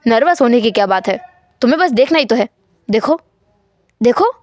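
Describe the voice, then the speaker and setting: A woman voicing a cold, teasing, dominant young husband in a storytelling fan fiction, speaking low, calm and insistent. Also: normal speed, dry recording, faint music behind, lightly acted.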